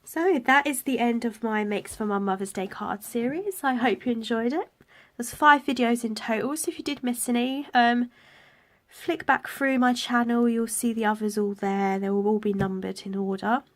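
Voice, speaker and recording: This craft tutorial features a woman demonstrating stamping and card-making while congested from a cold, so her voice comes out stuffy, nasal and slightly raspy. Her pitch is fairly high, her tone steady and her pace moderate, and she keeps her voice soft, partly whispering as she works.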